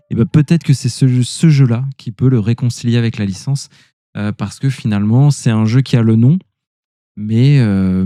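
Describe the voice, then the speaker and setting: A man hosting a podcast in casual chat, choosing his words in hesitant, measured phrases. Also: medium pitch, warm tone. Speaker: podcast host. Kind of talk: casual game review and chat.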